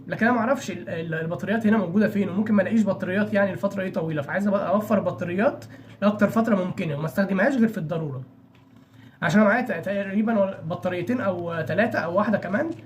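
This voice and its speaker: Fast-talking Egyptian young man. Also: high-pitched, slight background noise. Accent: Egyptian Arabic. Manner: nervous, chatty, apologizing to characters. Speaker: gaming channel host. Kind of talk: horror game let's play commentary.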